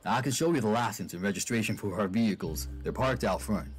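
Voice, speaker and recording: A man's voice: on the low side, quick pace, soft background music, lightly acted. A man doing a protective drawling critter. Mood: firm. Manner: easygoing drawl. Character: steady, protective grown male critter.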